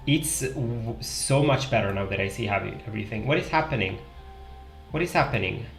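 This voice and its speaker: This Italian livestream host, a young adult, rambles chattily while drawing, thinking aloud and trailing off into fillers. His medium-pitched voice is expressive and moderately paced. Speaking into a headset in a small indoor room, he sounds roomy and echoey, with soft music faintly beneath.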